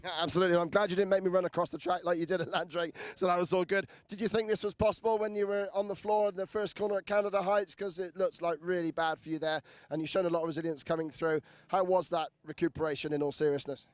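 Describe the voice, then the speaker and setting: Male trackside presenter, high-pitched, upbeat, live post-race interviews and announcements. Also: fairly even intonation, quick pace, few pauses, dry recording. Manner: upbeat, congratulatory. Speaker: motocross podium interviewer and presenter.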